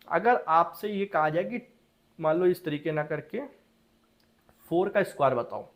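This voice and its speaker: A young man explains programming basics in a relaxed classroom manner. His voice sits high for a man. He keeps checking whether his students are following. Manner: chatty, repeats "ठीक है" and checks understanding. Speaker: programming teacher.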